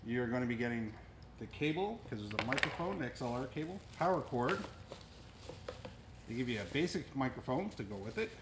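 A middle-aged man with a medium-pitched voice presents a casual unboxing and product demo in a cluttered audio equipment store, handling the gear as he talks. He's plain-spoken and explanatory, very animated, and speaks fairly quickly. The indoor recording is clearly noisy, with room noise and clicks.

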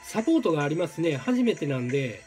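A man commentating his own gameplay, exclaiming and repeating words in quick bursts. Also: on the high side, sing-song, a little mellow, soft background music. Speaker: game streamer. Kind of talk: excited let's-play commentary.

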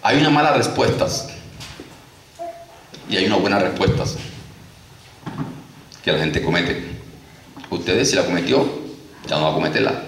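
A very deep-voiced man preaches to a congregation in a lively way, repeating himself and acting out stories with sound effects. He stands away from the mic, so the hall echoes and a faint hiss sits under his voice. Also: moderate pace, gravelly, long pauses. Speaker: pastor. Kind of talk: sermon. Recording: echoey room, distant mic, faint noise.

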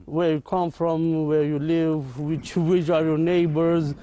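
Interviewee: man in his thirties, halting English, dark mellow tone, dry sound. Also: on the high side, little pitch movement, no echo. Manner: halting, fillers.

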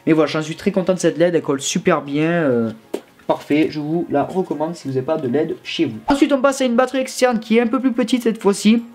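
Young male tech vlogger, slightly high voice, informal gadget review. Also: fairly even intonation, quick pace, darkish tone. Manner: chatty, informal, with many fillers and restarts. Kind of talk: casual product review. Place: his bedroom.

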